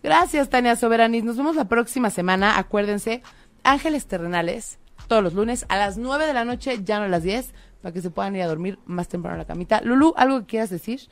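A woman hosting a web radio talk show, chiming in with warm interjections and sign-offs. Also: on the high side, animated, a little fast, dry recording. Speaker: host. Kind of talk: casual chat.

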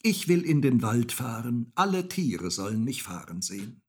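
A man voicing a demanding little boy who shouts for more, in a high, loud voice. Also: big pitch swings, moderate pace, husky. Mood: eager demanding. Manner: shouting, insistent.

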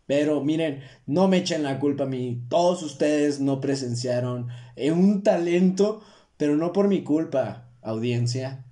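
A man's voice: mid-range voice, a little slow, few pauses, dark tone. A young man with a Mexican accent, hosting a solo podcast in a joking, slangy, self-mocking way. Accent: Mexican Spanish. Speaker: podcast host. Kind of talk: casual solo podcast monologue.

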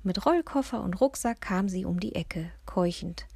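A woman's voice: mid-range voice, normal speed, gravelly, husky, no room sound. A woman narrating a children's story in the first person, bringing the dialogue to life. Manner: lively storyteller voicing the dialogue. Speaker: audiobook reader.

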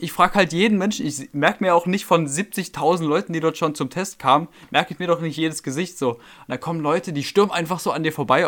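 A man's voice: a little high, fairly bright tone. A young man from Germany co-hosting a casual podcast, tired and irritable after work, ranting and swearing as he acts out customers. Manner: worked-up, swearing, acts out customers in quoted voices. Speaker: podcast co-host.

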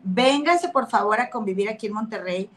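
A woman's voice: mid-range voice, animated, normal speed, a bit bright. A woman with a Mexican Spanish accent hosting a casual gossip podcast, chatting with her comadre and reading viewer comments aloud. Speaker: podcast host.

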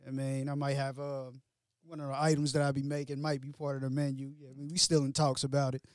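A man co-hosting a podcast, talking in a laid-back, drawn-out way and often saying "man". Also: medium pitch, completely flat delivery, no room sound, studio quality. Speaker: podcast co-host. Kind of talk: casual chat.

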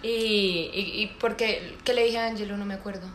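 A woman's voice: mid-range voice, fairly even intonation, moderate pace, a bit bright. A Colombian woman chatting playfully on a podcast, teasing her friends. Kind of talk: casual chat. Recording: echoey room with faint noise.

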